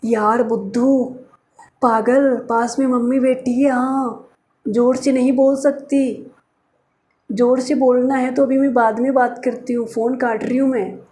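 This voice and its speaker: A young woman on a phone call, keeping her voice down and scolding her boyfriend in a quick, hushed tone, as a male teacher puts her on. Her voice sits a little higher and softer than his own teaching voice. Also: flat delivery.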